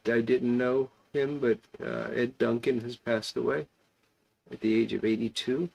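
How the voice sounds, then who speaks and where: Gravelly man chatting casually. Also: mid-range voice, steady tone, a little slow, a little mellow, poor audio. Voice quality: gravelly, creaky voice. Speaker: host of an online pipe club. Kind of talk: casual chat reading and answering viewer comments.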